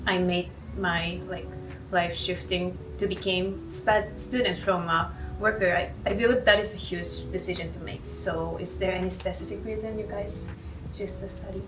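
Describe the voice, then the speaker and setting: A young woman, hosting a casual interview in a friendly, slightly halting way. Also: lowish voice, fairly even intonation. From Japan. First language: Japanese. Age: early 20s. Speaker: host, student interviewer. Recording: roomy distant mic with music bed.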